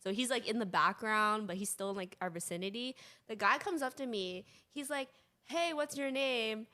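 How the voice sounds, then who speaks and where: A young woman co-hosting a casual podcast, telling a lively story with laughter. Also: mid-range voice, fairly quick. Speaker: podcast co-host.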